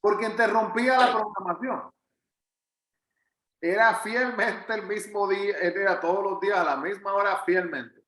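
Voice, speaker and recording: In poor audio from an echoey room, a pastor from Puerto Rico leads a Bible study in a conversational, earnest, and emphatic way, repeating phrases for weight. He has a Puerto Rican Spanish accent and a high-pitched, bright, forceful voice at a normal speed.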